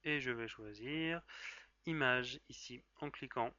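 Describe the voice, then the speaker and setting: A man's voice: mid-range voice, takes it slowly, bright, forceful tone, no echo. French guy doing a screen tutorial, chatty and jokey, lots of euh, dry kinda lo-fi mic. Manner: chatty, playful, with fillers and self-corrections. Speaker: software tutorial host. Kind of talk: screen-recorded software tutorial. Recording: dry, slightly dull lo-fi voice-over.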